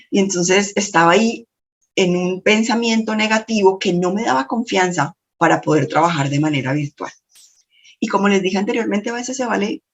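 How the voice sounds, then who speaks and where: A woman lecturer and coach with a slightly shrill voice, telling stories expressively in a motivational lesson to camera. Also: dull audio. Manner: expressive, storytelling with lots of self-talk.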